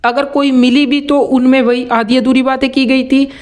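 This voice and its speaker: High-voiced man teaching rap rhymes. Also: little pitch movement. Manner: repeats words slowly, splitting them into syllables; mixes English terms into Hindi speech. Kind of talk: casual tutorial explanation.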